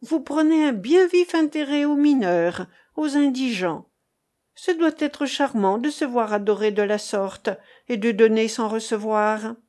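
Woman reader playing a scheming old maidservant in an audiobook: mocking, scolding, slow and a bit high. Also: animated, a little mellow. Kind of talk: audiobook character reading.

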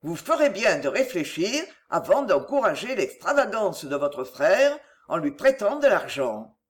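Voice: medium pitch, very animated, slow pace. An audiobook reader voicing a pompous, stern elderly country rector who lectures and moralizes. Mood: sermonizing. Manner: sermonizing, indignant.

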